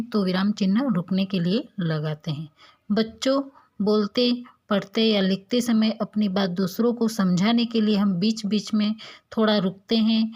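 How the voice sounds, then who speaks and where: A woman teacher explaining a grammar lesson to young pupils, patiently posing questions and answering them herself, and reading examples slowly. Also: a little high. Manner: slow, clear dictation of examples.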